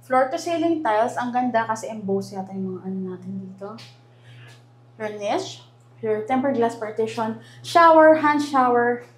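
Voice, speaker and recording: A woman's voice: a little high, expressive, moderate pace. Chatty Filipino woman giving a house tour. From Philippines. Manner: chatty and enthusiastic, mixing Tagalog and English. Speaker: real estate house tour host. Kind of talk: casual house tour walkthrough. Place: indoors in a furnished house.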